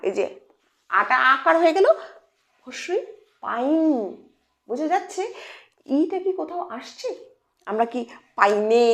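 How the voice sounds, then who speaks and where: Woman doing a kids phonics lesson, pitch jumps all over, fairly high voice, keeps asking the kids questions. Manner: animated, questioning teacher voice addressing kids. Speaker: English phonics teacher. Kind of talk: children's lesson.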